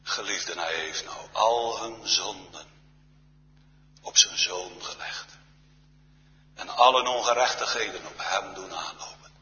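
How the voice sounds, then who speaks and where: A man's voice: low voice, measured pace, pauses often, bright, forceful tone. A man preaching a solemn church sermon, often sinking to a near-whisper. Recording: reverberant church hall, dull sound.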